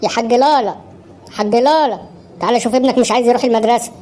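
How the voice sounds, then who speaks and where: A woman's voice: a little high, racing, mellow, lightly acted. A woman voicing a doting but nagging mother in a cartoon, coaxing her son awake in an Egyptian Arabic accent. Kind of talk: cartoon voice acting.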